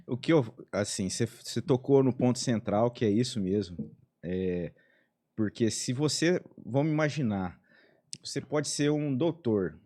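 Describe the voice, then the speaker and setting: A Brazilian man with a mellow, warm tone speaks at a middle pitch. He reflects calmly on what his co-host has said. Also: unhurried. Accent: Brazilian Portuguese. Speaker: podcast co-host. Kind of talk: casual podcast chat.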